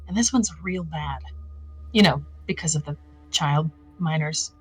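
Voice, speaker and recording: A woman's voice: sits low, measured pace, slightly rough, faint music behind, heavily acted, low-quality recording. A woman voicing a cheerful, wisecracking young ghost hunter in a fan voice drama. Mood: breezy. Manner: cheerful, joking and unbothered.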